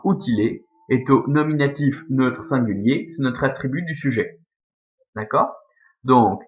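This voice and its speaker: A man teaches Latin grammar at an even, middle pitch, walking through each point slowly and often stopping to correct himself. His speech is full of hesitations and fillers. The recording sounds a little muffled and lo-fi. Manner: explains step by step with many fillers and self-corrections. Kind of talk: recorded classroom lesson.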